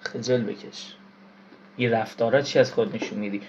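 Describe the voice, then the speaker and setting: A man's voice: mid-range voice, fairly even intonation, darkish tone, muffled recording, slight background noise. A man giving casual gameplay commentary, frustrated, swearing and yelping at the game. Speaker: gaming YouTuber.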